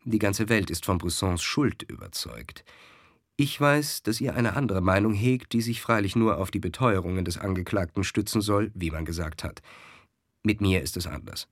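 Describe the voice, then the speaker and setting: A man's voice: low voice, normal speed, dry recording, studio quality. A man voicing a proud army officer who speaks earnestly and with emphasis. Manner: earnest, emphatic soldierly speech.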